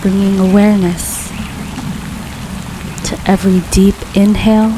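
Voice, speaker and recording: A woman leading a guided grounding meditation in a calm, soothing, unhurried way, leaving long pauses between phrases. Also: medium pitch. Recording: steady rain noise behind voice. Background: rain falling.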